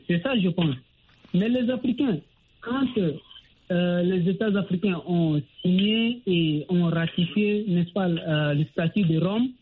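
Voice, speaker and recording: A man calling in to a radio show over a phone line, speaking formally with many pauses and tag questions. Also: high voice. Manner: formal, with many pauses and repeated "n'est-ce pas". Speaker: radio call-in listener. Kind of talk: call-in opinion on a radio show. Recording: tinny phone line with faint noise and clicks.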